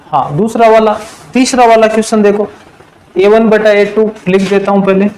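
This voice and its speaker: A male math teacher giving a classroom lesson, quizzing his students and answering his own questions, and drawing out the key terms slowly. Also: high voice, a little mellow, slight background noise, rough recording. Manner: slows to a drawn-out pace on key terms.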